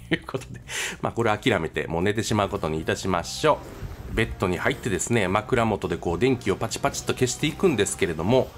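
A man's voice: on the low side, lively intonation, fast, faint music behind. A man with a Kansai accent narrating his travel vlog in a jokey way, mixing formal phrasing with dialect. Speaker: travel vlogger.

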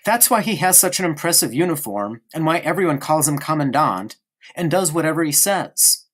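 Pitched above the performer's natural voice, this medium-pitched, husky read brings a stubborn, chatty young boy to life for an audiobook. The tone is fairly bright with lively intonation at a moderate pace, and the boy sounds eager and insistent.

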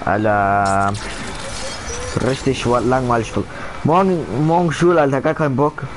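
A man's voice: mid-range voice, measured pace. Young guy gaming, blunt slangy chat, noisy headset stream sound. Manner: blunt, exclamatory street slang. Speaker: gamer live-streaming.

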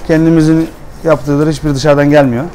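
A man's voice: on the high side, flat delivery, normal speed, warm tone. A man in his thirties, a restaurant owner, plainly describing his menu, recorded on a phone at an outdoor seaside restaurant. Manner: plain, matter-of-fact. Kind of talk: casual interview. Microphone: vlogger's phone.

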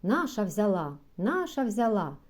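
A woman's voice: mid-range voice, very animated, unhurried, darkish tone. A woman voicing a desperate male robber. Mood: triumphant. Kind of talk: storybook reading.

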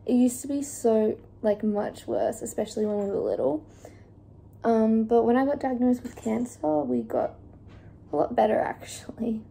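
A woman's voice: a little high, steady tone, normal speed, gravelly, dark tone, a little hiss or hum. A young woman chatting casually while cooking in her home kitchen, with lots of fillers. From Australia. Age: young adult. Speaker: vlogger. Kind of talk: casual cook-along chat. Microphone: phone camera on the counter.

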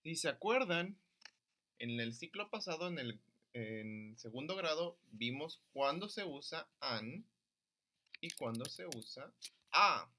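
A male primary school English teacher records a lesson for young children, speaking slowly with animated pitch. He drills pronunciation by repeating words and stressing each syllable clearly so the kids can say them back.

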